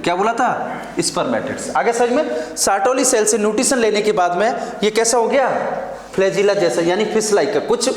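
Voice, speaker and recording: A man teaching a nursing exam class, lecturing at the board and drilling terms by asking and answering his own questions. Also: sits high. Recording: echoey classroom.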